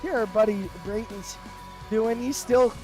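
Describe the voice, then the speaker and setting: A man's voice: high voice, a little slow, soft background music. A man commentating a live sim race, upbeat and rambling with fillers, his voice worn from the flu. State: sick with flu.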